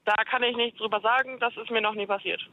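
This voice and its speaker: A woman's voice: on the high side, fairly even intonation, fast talker, a little hiss or hum. A woman calling into a radio show on a hands-free phone from her car, answering in short, hesitant bits with fillers. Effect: hands-free phone call from a moving car. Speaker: caller. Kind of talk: call-in radio chat. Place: car on the road. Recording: dull lo-fi phone line.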